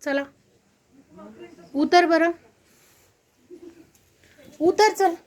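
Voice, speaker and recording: A woman's voice: extremely high pitch, very slow. A woman with a Marathi accent coaxing a toddler in baby talk, repeating short phrases over and over. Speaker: parent talking to a toddler.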